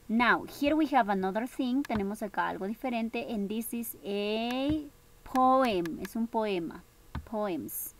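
A woman leads an English lesson in a slightly high voice. She repeats each phrase in both languages and keeps a patient, encouraging tone with her class. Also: slight background noise. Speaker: English teacher. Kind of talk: bilingual online class.

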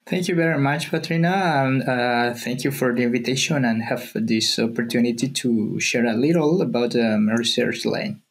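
A man's voice: medium pitch, normal speed, few pauses, husky. A man in his thirties from Peru with a Peruvian Spanish accent, a researcher speaking as a guest on a video call, with many fillers and restarts. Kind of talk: remote interview. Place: office. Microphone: earbuds on a video call.

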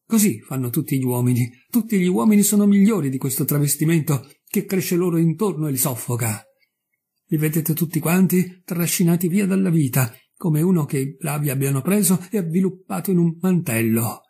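Man reading as a desperate murderer, impassioned, husky, dark-toned, storybook reading. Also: fairly high pitch. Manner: impassioned, anguished. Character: desperate hunted male murderer pleading.

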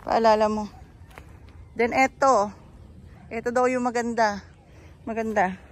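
In this casual garden walkthrough vlog, a talkative bougainvillea seller strolls along and points out each plant in turn. The delivery is unhurried, at medium pitch with fairly even intonation.

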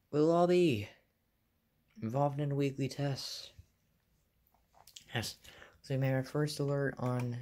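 Recorded on a handheld phone behind the camera, a young American man makes a hobby video in a small carpeted bedroom, narrating a casual show-and-tell in short, offhand phrases. His voice is medium in pitch with a darkish tone.

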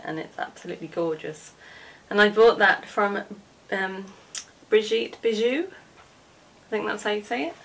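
A woman in her forties, a vlogger, gives a room tour of her small home dressing room indoors. Her voice is medium-pitched and fairly bright, with vocal fry, and she chats informally, wandering into rambling asides as she moves around showing things. The camera mic sits a few feet away, so the recording sounds distant and noisy, with background noise and clicks.

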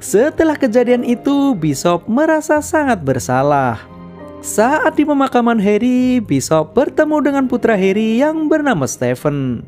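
Lively-pitched woman narrating a film recap. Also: unhurried. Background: background music.

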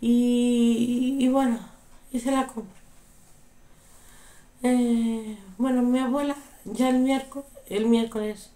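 Young woman vlogger, high mellow voice, echoey room, still unwell. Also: slow, pauses often. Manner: animated, repeats exclamations. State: unwell, recovering from illness. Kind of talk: casual storytelling.

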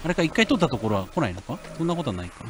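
A man giving lively let's-play commentary on a horror game, muttering to himself and then yelling at scares. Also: racing, background noise. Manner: animated, jumps from low mutters to yelps and shouts. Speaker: game streamer.

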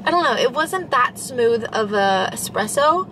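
A woman's voice: fairly high pitch, lively intonation, measured pace, noisy background. A young woman in her twenties vlogging casually, chatty and upbeat as she rates coffee drinks. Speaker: vlogger reviewing coffee shops. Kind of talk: casual vlog. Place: car and cafes. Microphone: handheld camera or phone close up. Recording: music playing underneath.

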